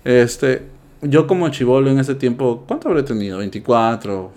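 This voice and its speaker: Animated man telling stories. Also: mid-range voice, normal speed. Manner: animated, laughing, acts out dialogue. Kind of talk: casual storytelling chat.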